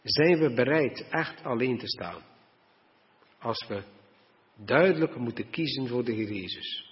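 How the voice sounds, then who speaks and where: A man preaches and reads scripture in an earnest, measured way, stretching out the words he wants to land. His voice sits at a mid pitch. The recording is dull and muffled, with a long hall reverb. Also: expressive. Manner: earnest, slows down to stress words. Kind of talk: sermon with scripture reading.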